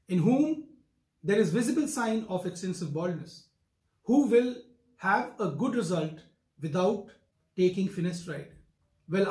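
In a wood-furnished office with echoing, roomy acoustics, a hair transplant surgeon around 60 explains a medical topic to camera. He has an Indian accent and a high-pitched, slightly mellow voice.

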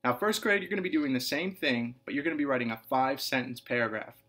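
A man teaching kindergarten and first grade in a recorded video lesson. He repeats each point slowly and clearly for young children, calling them scholars, and gives example sentences a lively, sing-song emphasis. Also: mid-range voice.

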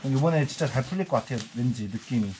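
Packing orders for his little online business indoors, a man in his forties talks at a quick clip in a mid-range voice. His chat is casual and rambling, full of musings and sighing asides, over some background noise.

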